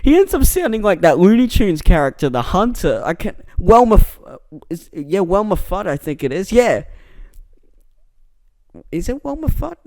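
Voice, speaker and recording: A man's voice: high-pitched, big pitch swings, moderate pace, darkish tone, dry recording. A man talking in a rambling, self-deprecating vlog monologue, often stammering and restarting words, recorded on a close microphone that pops on plosives. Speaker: vlogger. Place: indoor room. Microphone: close mic with plosive pops.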